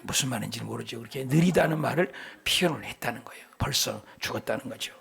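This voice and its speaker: A middle-aged male pastor preaching a sermon, animated and joking, often dropping into emphatic whispers. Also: mid-range voice, fast talker, gravelly. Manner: tells folksy jokes between scripture points.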